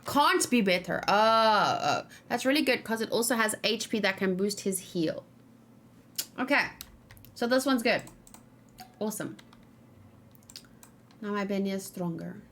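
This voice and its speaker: Speaking at a measured pace with long pauses, a woman with a mid-range, animated, fairly bright voice hosts a game stream, casually thinking aloud and muttering to herself often. The recording is noisy with keyboard typing and mouse clicks.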